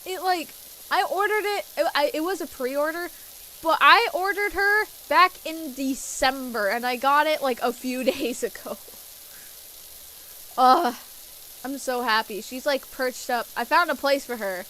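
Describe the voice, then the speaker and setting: A young woman with a stuffy nose chats casually into a desk mic at home. Her voice sits a little high. She rambles with plenty of fillers and swears offhandedly, over a faint hiss. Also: unhurried, bright, forceful tone, rough recording. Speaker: streamer. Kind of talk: casual chat while gaming.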